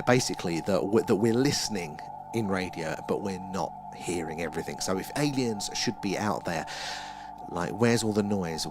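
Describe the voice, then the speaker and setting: A man's voice: low voice, noisy background. A man with an Essex accent hosting a casual livestream, rambling and self-deprecating as he answers viewers' comments. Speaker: livestream host. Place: small room at home.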